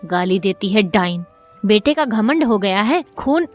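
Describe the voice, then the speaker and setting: A woman voicing a bitter, hot-headed young peasant man who shouts his resentment. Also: mid-range voice, animated, a little slow, soft background music, lightly acted. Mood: bitter angry.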